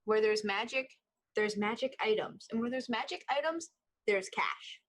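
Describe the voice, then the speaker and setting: A woman's voice: fairly high pitch, normal speed. A woman chatting casually as a player in a tabletop fantasy game.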